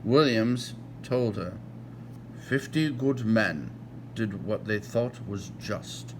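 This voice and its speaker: An American man with a lowish voice hosts a read-along of a history book, adding casual asides as he goes. His delivery is halting, and he often stumbles and corrects himself. A hum runs in the background.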